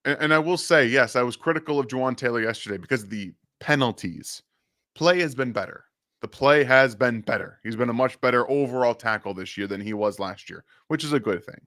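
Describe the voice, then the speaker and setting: A man's voice: medium pitch, quick pace, no room sound, clean studio sound. A man co-hosting a casual sports podcast over a remote call, arguing his points in an opinionated way. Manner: animated and opinionated, pushes points hard. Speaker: podcast co-host.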